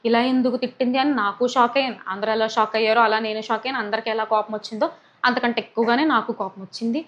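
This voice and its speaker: A woman's voice: fairly high pitch, steady tone, rapid-fire, fairly bright tone, highs cut off. A young woman speaking to camera, upset and indignant, dropping English words into her talk. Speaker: YouTuber. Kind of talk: talking to camera, personal statement.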